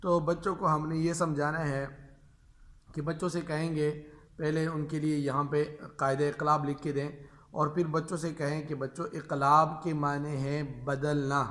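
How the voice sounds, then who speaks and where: Bright-voiced man teaching Quran reading. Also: fairly high pitch, level tone. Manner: patient, repeats each rule and drawls examples slowly. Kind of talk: explaining tajweed rules to teachers.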